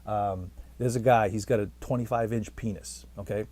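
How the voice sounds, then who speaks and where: A man's voice: lowish voice, steady tone, moderate pace, mellow. A man talking casually to the camera in a rambling, hesitant, self-deprecating way. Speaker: vlogger.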